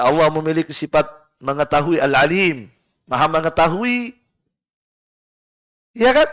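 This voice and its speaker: A male preacher with a fairly high voice leads a live study session in a prayer room, firing rhetorical questions at his listeners and answering them himself. Now and then he slows into a chanted Arabic recitation. The sound is close and dry, with almost no room echo. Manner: lively and rhetorical, keeps asking the room "kenapa?" and answering himself. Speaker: ustadz teaching Quran exegesis. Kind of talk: live sermon-style study class.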